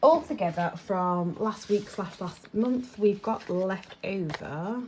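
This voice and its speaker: A young British woman vlogger from the United Kingdom chats casually as she counts and sorts her cash. Her mid-range voice moves slowly, she rambles and laughs at herself, and there's background noise.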